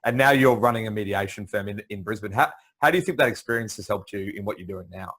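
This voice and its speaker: A man's voice: fairly low pitch, quick pace, a bit bright. A man hosting an interview, asking questions, stammering at the start of sentences and backing up the guest with short agreements. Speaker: interview host. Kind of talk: casual interview chat.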